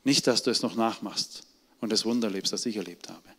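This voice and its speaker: A middle-aged man preaching a sermon, telling his testimony with strong emphasis, his voice swinging from loud to hushed. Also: fairly low pitch, brisk, husky. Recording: long hall reverb.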